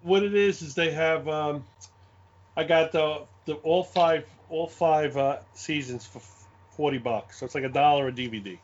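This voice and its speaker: A man with a Brooklyn accent chatting casually in an animated, rambling way, often repeating his phrases. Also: fairly high pitch, moderate pace. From Brooklyn, New York. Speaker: guest, game scenario designer. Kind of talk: casual chat, anecdotes. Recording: dull lo-fi audio.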